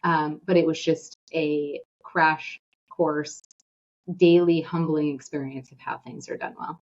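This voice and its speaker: A woman with a very low voice talks enthusiastically in a podcast interview, starting many phrases with "um". The audio is dull and lo-fi. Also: flat delivery, a little slow. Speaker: executive search guest.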